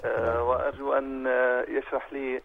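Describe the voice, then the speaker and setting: A man calling in to a program over a phone line, asking questions in a halting way with many fillers and reciting verses. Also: mid-range voice, level tone, creaky. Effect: heard over a phone line. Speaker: caller.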